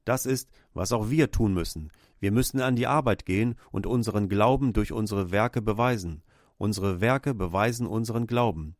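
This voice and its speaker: A man's voice: lowish voice, moderate pace, no echo, clean studio sound. A man preaching a sermon with emphatic, repeated exclamations.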